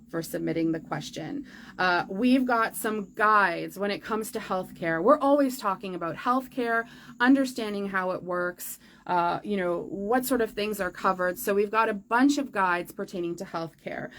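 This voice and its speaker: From an outdoor gazebo in a forest, a woman hosts a show answering viewer questions, chatting casually and upbeat to the camera with plenty of fillers. Her medium-pitched voice is a bit bright, and there's a little hiss or hum.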